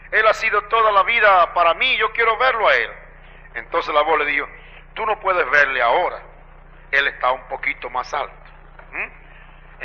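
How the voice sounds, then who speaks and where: A man's voice: fairly high pitch, sharp tone. A man preaching a sermon, retelling a vision with rising emphasis and asking the congregation if they follow. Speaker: pastor. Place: church sanctuary. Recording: dull lo-fi broadcast with long reverb.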